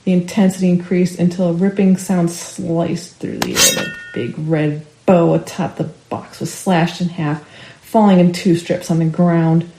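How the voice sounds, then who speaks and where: A woman storyteller reading a family ghost story aloud, expressive and rising with the action. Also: fairly low pitch, a little slow, roomy sound, slight background noise, low-quality recording. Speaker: storyteller for a library. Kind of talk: scripted ghost story narration.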